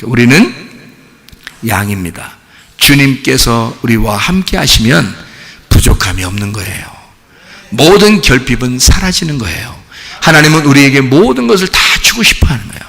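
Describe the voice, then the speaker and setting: A male pastor preaching a sermon in a church, animated and speaking directly to the congregation. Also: medium pitch, moderate pace, vocal fry. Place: church sanctuary. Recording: long church hall reverb.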